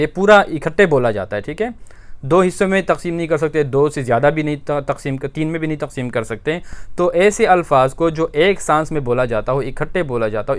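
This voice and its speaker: A man teaches grammar, his Urdu. His voice is smooth and resonant and sits a little high for a man. He explains patiently, repeating each point with frequent "uh"s. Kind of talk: explanatory lesson.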